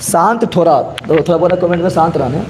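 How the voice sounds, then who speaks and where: A man's voice: on the high side, background noise. Brief: man, quiz teacher who drags out each question. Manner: drawn-out slow question reading, frequent "ठीक है ना?". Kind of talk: live group discussion quiz class.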